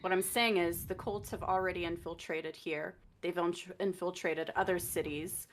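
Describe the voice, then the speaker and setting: A woman playing a tabletop role-playing game with a somewhat low voice. She earnestly questions how her spells work and whether her plans will succeed. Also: steady tone, normal speed. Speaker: player. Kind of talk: tabletop role-play, asking rule questions.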